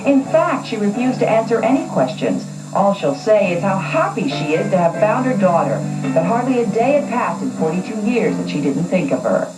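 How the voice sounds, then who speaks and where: A woman's voice: mid-range voice, very animated, normal speed. A woman reporter narrating a scripted tabloid news story in a dramatic storytelling manner, recorded on old, echoey TV sound. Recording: echoey, distant old TV broadcast with music.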